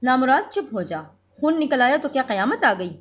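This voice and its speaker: Harried housewife, read by a woman teacher, snappy and flustered, higher and louder. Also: sing-song. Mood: exasperated. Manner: exasperated, hurried, read aloud from a play.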